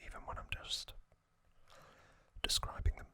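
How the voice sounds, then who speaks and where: A man hosting an ASMR video narrates in a breathy whisper. He speaks gently in short phrases separated by long pauses.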